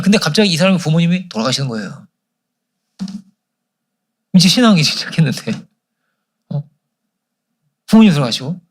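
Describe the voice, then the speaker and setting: A male pastor preaching at a church service throws questions at his congregation and then answers them himself. He talks fast, in a slightly high voice that swings widely in pitch.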